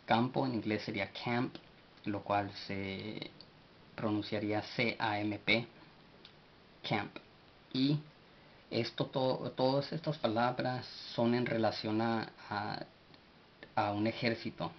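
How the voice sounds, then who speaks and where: A man giving a vocabulary lesson, spelling words out letter by letter and pausing often with fillers. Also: on the low side. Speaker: language teacher. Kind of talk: slow spoken vocabulary lesson. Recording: dull lo-fi recording with faint hiss.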